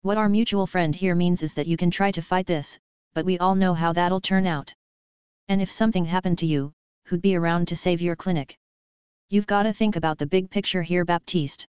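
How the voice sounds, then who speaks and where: A woman's voice: fairly low pitch, fairly even intonation, fairly quick, a little mellow, clean tone, no room sound, highs cut off, natural voice. A woman doing a jovial hulking mercenary. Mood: breezy menace. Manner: jokey, overfamiliar, menacing charm. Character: big boisterous jovial male mercenary.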